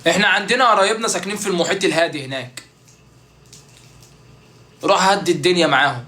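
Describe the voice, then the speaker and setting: Quick, joking Egyptian man. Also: sits high, pushed and bright. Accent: Egyptian Arabic. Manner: joking, playful, mimics street vendors. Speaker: content creator. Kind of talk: comic casual monologue.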